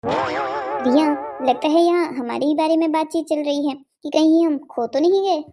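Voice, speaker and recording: A caring young cartoon wife, voiced by a woman reassures her family in a high, warm-toned voice. She speaks gently and steadily. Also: moderate pace, faint music behind. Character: brave, caring young wife, the elder sister-in-law.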